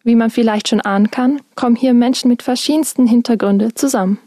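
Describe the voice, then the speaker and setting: A young woman student reporter reading a scripted radio feature in a clear, measured way. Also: on the high side, warm tone, no room sound. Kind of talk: scripted narration.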